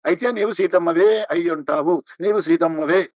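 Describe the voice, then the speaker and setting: Man, high voice, scripture discourse, slow chanted verses, muffled dry recording. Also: darkish tone, dry recording. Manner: chants verses slowly, then explains. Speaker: religious discourse speaker.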